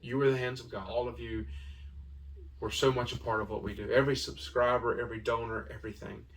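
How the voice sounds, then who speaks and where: An earnest man of middle pitch reflects on the past year with halting, emotional gratitude. He sounds set back from the microphone. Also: little pitch movement, fairly bright tone, far from the mic. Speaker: host of a toy ministry channel. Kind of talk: casual year-end reflection.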